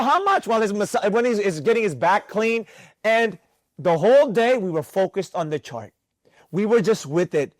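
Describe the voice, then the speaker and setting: A man teaching a live trading class, animated and constantly questioning the room. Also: high-pitched, dry recording. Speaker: trading instructor.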